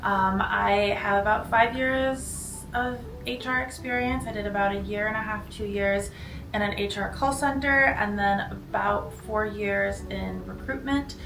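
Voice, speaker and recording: A woman chats offhandedly. Her voice carries heavy vocal fry. She sounds distant in an echoing room, with music clearly underneath. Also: mid-range voice, fairly even intonation, unhurried. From Minnesota, United States. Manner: chatty, offhand. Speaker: interviewee, graduate student. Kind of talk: casual interview. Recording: roomy distant mic with music bed.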